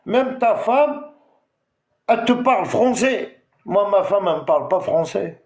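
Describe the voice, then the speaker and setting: Heated and confrontational, a man from Algeria rants at someone during his TikTok live, repeating himself and hesitating often. His high voice has lively intonation and moves a little slowly. The sound is roomy.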